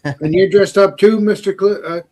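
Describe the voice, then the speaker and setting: A man's voice: high-pitched, normal speed, darkish tone. A man teasing and goofing around in a casual group chat. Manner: teasing, goofy.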